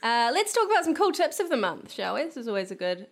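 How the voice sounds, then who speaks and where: A woman's voice: on the high side, sing-song, quick pace. A woman chats as a podcast host. Her talk is loose and giggly, and laughter keeps breaking into her sentences. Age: 20s. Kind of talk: casual chat.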